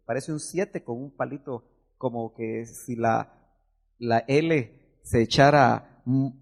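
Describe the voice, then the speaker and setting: A middle-aged man, preaching a teaching sermon as pastor and explaining Hebrew words. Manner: lively, rises and drops sharply in pitch and loudness.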